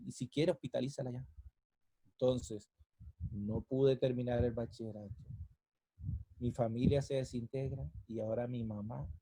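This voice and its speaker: Emotional preacher, dark dry voice. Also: male voice, medium pitch, no echo, poor audio. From Colombia. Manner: emotional, rising to near-shouting at climaxes then dropping soft. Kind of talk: sermon with personal testimony.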